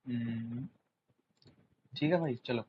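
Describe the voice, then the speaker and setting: A man runs an informal vocabulary lesson, circling back over each word and firing rhetorical questions at the viewer as he builds memory tricks. His voice sits at a middling pitch. The recording is a little dull, with a faint hiss behind it. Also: takes it slowly. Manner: chatty, repetitive, quizzes the viewer with rhetorical questions. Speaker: exam tutor, channel host.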